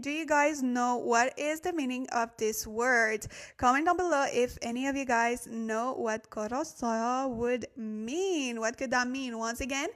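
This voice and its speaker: A woman with a slightly high voice teaches a casual livestream lesson. She talks straight to her viewers in a chatty, easygoing way. She often thinks aloud and corrects herself as she goes. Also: a bit bright. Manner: addresses viewers directly, thanks new followers. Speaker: language teacher hosting a livestream.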